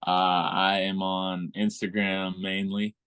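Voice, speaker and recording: A man's voice: deep voice, monotone, slow, fairly bright tone, clear, resonant tone, no echo. A young man in his twenties, a musical guest talking in a laid-back way in a casual interview and laughing often.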